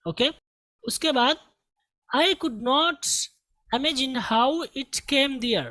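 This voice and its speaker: Slow, patient Indian male teacher. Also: sits high, bright, forceful tone, no echo. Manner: reads quoted English very slowly, word by word, then explains patiently. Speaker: English teacher. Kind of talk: explaining an English text line by line.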